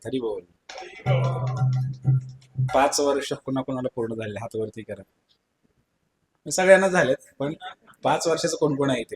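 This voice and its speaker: A man's voice: medium pitch, slight background noise. A man preaching a devotional sermon to a live audience. He tells the story vividly, acts out the dialogue and puts questions to the listeners.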